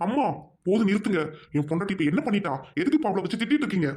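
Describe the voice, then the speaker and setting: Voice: medium pitch, sing-song, a little mellow, close to an everyday voice. A performer playing a young husband who angrily defends his wife against his mother and threatens to leave home. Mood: angry. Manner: heated, rapid protests.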